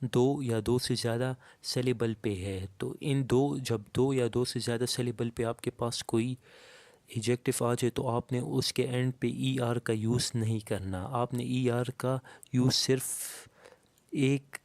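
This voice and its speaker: A man teaching English grammar, explaining slowly and reading each example sentence aloud word by word. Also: mid-range voice, steady tone, darkish tone, no echo. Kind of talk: explaining a lesson to students.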